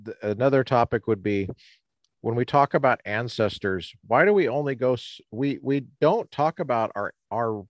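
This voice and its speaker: A man's voice: mid-range voice, expressive, dry recording. Rambling man talking outdoors in the cold. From Colorado. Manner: rambling, halting, with frequent restarts and laughs. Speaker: podcast co-host. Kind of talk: casual chat. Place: outdoors by the ocean near a bridge, cold.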